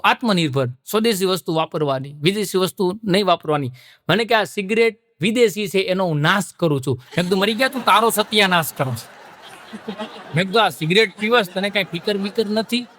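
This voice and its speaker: A man's voice: sits high, fairly bright tone. A man from telling stand-up jokes, laughing as he tells them and breaking into bits of old songs. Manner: laughing storyteller who sings snatches of old songs. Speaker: stand-up comedian.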